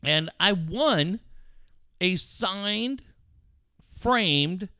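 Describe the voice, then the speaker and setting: Animated, swearing man on talk radio. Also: sits high, extremely slow, smooth, no echo, studio quality. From Southern California. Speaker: radio show host. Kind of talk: casual profane talk radio chat.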